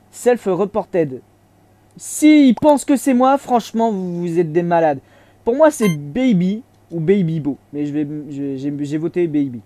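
A young man giving casual let's-play commentary, chatty, restarting his sentences, with excitable bursts. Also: high-pitched, no echo. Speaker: gaming YouTuber.

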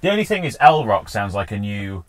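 A man's voice: lowish voice, sing-song, normal speed. A man co-hosting a podcast, bantering with wry jokes in casual chat. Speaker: podcast co-host.

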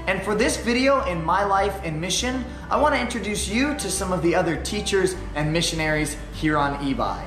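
A man's voice: high-pitched, lively intonation, fairly quick, few pauses. Young man in an echoey classroom. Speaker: missionary teacher and host. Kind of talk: presenting a volunteer video. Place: classroom indoors. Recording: echoey room with music.

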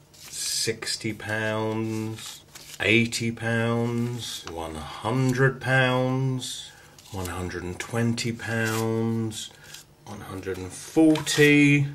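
A man's voice: on the low side, a bit bright. A man in his thirties with an English accent, chatting cheekily to camera in a casual vlog. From England. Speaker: vlogger. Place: inside a car while driving. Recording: road noise in moving car.

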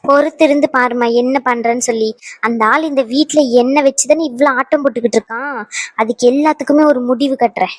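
For a cartoon dub, a woman voices a strong-willed young wife, speaking emphatically and scolding with determination. Her voice is high-pitched and brisk, recorded dry.

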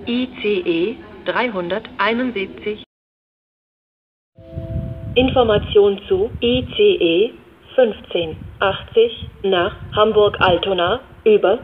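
A female station announcer delivers flat automated platform announcements at a slow pace. Her phrases are formulaic and pieced together. The recording is dull, with clear background noise behind her. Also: mid-range voice.

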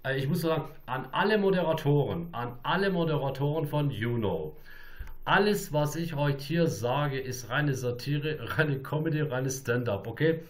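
A man livestreaming to his viewers, talking in a rambling, repetitive and excitable way. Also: on the high side, normal speed. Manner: repetitive, restarts and repeats phrases, excitable. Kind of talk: rambling live-stream monologue to viewers.

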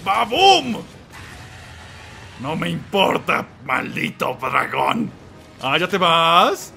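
A man giving excited let's-play commentary, yelling and exclaiming at the game and talking to the monster. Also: fairly high pitch, slow, vocal fry, faint music behind. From Mexico. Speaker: gamer playing and commenting.

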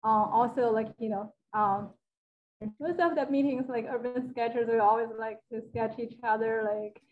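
Young woman from China, fairly high voice, halting talk on a slightly dull video call. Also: steady tone. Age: young adult. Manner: hesitant, many fillers and restarts. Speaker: guest speaker. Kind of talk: casual presentation on a video call. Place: living room with a large wall mural. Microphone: video call, laptop camera.

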